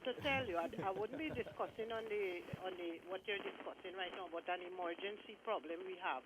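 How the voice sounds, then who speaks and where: A man's voice: high voice, fairly quick. A man with a Trinidadian accent calling in to a radio show over a clipped phone line, earnestly raising an urgent complaint. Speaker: radio call-in caller. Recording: thin phone call with faint noise.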